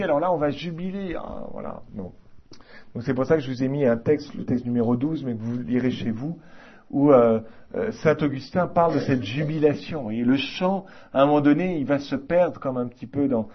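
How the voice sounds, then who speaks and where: A man teaching a class on liturgy in an informal, halting way, with many fillers and restarts. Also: mid-range voice, slightly rough, muffled recording.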